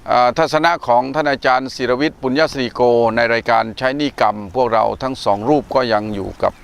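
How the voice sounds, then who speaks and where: Monk host, male, from northeastern Thailand. Chatty storyteller with lots of "er" fillers, mid-pitched and smooth. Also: quick pace. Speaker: Buddhist monk hosting the show. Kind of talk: casual discussion on a religious TV program.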